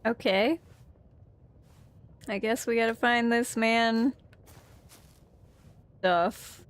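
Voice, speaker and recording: A woman's voice: on the high side, steady tone, drawn-out words. A woman streamer chatting casually while playing a story game, thinking aloud and choosing actions. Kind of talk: casual gameplay chat.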